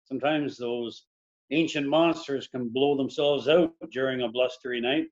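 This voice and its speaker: An actor playing an avuncular, folksy, protective neighbor in a period drama screenplay reading. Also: male voice, mid-range voice, moderate pace, muffled recording, natural voice. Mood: friendly, concerned.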